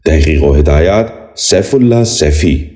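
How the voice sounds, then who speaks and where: A man narrating a scripted pronunciation lesson, slowly drilling each word and repeating it, with formal, polite address to viewers and children. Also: a bass voice, lively intonation, a little mellow. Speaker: Urdu pronunciation teacher.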